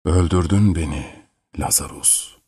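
Male narrator doing an aging Roman emperor: weary, proud, slow and hushed, deep and dry. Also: husky, no echo, exaggerated voice. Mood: weary pleading.

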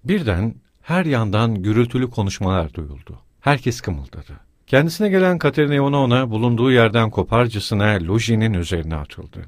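Expressive male audiobook narrator, dry sound. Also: on the low side, moderate pace, hardly any pauses, no echo. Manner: dramatic, expressive reading. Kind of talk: scripted literary narration.

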